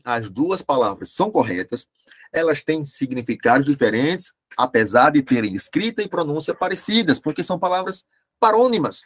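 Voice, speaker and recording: A man, teaching a language class over a video call, speaking slowly and deliberately and repeating key words for his students. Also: on the high side. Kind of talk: online class lecture.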